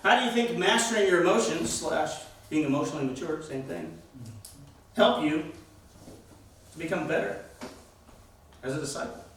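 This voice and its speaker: A man's voice: fairly high pitch, expressive, moderate pace, long pauses, a bit bright, recorded from a distance, slight background noise. A man teaching a Bible class, speaking emphatically and asking the class questions. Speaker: church teacher. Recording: echoey room, voice from afar.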